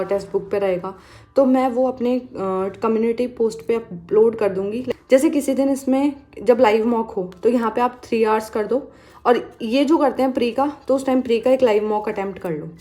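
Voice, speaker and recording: A woman's voice: on the high side, normal speed, mellow. A young woman vlogger giving casual exam study advice, chatty and mixing English phrases into her talk.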